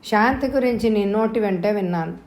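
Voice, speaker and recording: A woman's voice: medium pitch, fairly quick, natural voice. Woman voicing a bitter, feverish young woman. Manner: sharp, reproachful accusations. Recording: roomy echo.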